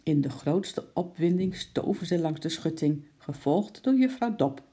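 A storyteller reading a children's story aloud in a calm, steady narration. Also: medium pitch, unhurried, breathy edge.

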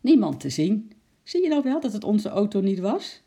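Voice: medium pitch, very animated, moderate pace, creaky, dark tone, pitched above the performer's own voice. A storyteller voicing a grumpy, stubborn husband who talks sternly in a children's story. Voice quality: stern, irritated.

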